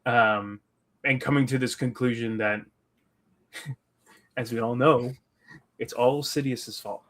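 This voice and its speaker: Guy cohosting a podcast recap, animated, lots of restarts and acted-out quotes. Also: mid-range voice, slow. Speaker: podcast co-host. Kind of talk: casual recap chat.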